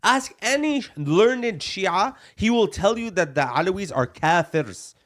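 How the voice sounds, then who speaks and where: High-pitched and expressive, this young man from Palestine speaks unhurriedly, his tone fairly bright. As a podcast co-host in a heated debate, he makes his points bluntly and forcefully, dropping "bro" and bits of Arabic throughout.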